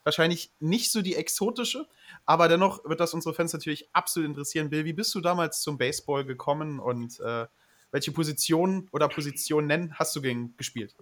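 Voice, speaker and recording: A man's voice: fairly high pitch, brisk, a bit bright. A man co-hosting a podcast, playful and mock-grandiose as he asks questions. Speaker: podcast co-host. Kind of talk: casual podcast chat.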